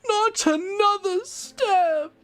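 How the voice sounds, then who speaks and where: A woman's voice: very high voice, very slow, pitched above the performer's own voice, exaggerated voice. A woman voicing a whiny, cowardly male undead knight who wails and sobs in self-pity in a tabletop game. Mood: wailing, cowering. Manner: wailing, sobbing, self-pitying.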